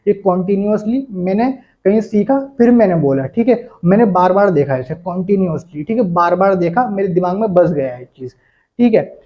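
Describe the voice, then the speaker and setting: A man's voice: high-pitched, lively intonation, moderate pace. Young man from India, casual English tutor who keeps repeating a filler word; dull lo-fi recording. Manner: repeats a filler after nearly every phrase. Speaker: English teacher. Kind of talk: casual spoken English lesson. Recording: dull lo-fi sound.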